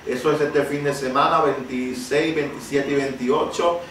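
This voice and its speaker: A man preaching a sermon with personal testimony, impassioned and emphatic, rising to shouted peaks. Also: mid-range voice, fairly even intonation, normal speed, a little hiss or hum. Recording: very echoey room, voice far from the mic.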